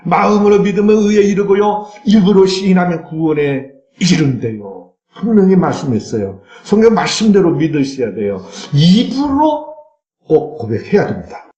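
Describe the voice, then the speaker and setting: A man's voice: fairly high pitch, animated, moderate pace, dark tone, lo-fi sound. A man preaching a Sunday sermon as pastor, reading scripture aloud and breaking into fervent cries. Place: church sanctuary. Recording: echoey church sanctuary.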